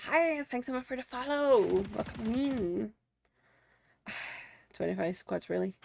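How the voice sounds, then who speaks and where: On a live stream, a young woman who learned Spanish first chats casually with viewers as she works, thanking them and muttering to herself. She takes it slowly in a slightly high, creaky, expressive voice, over a little hiss or hum.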